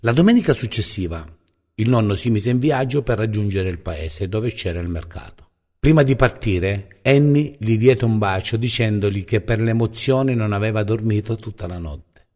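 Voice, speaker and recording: A man narrating a children's story in a calm, measured way. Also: fairly low pitch.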